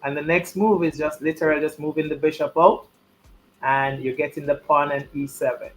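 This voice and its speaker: A man's voice: on the high side, level tone, fairly quick, a bit bright, soft background music, poor audio. A man giving live chess commentary and chatting, repeating his key points for emphasis.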